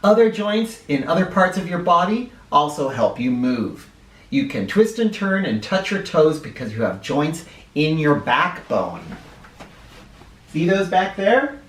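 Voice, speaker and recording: Reading a picture book to kids, this male narrator uses a slow, up-and-down lilt, a fairly high pitch, and plenty of expression, teaching and addressing young listeners directly with occasional asides. The recording has roomy echo, slight hiss or hum, and he's distant from the microphone.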